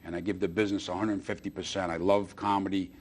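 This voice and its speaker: A middle-aged stand-up comedian and booker guests on a chat show, talking casually and enthusiastically and repeating phrases to drive them home. He talks fast, with a low-pitched, flat delivery.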